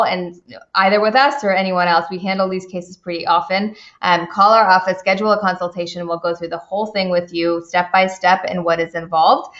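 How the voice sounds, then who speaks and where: A woman's voice: mid-range voice, a bit bright. A woman who is an immigration attorney, answering viewer questions on a live stream, chatty and full of fillers and restarts. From India. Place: home office in the Washington DC area. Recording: dull lo-fi stream audio.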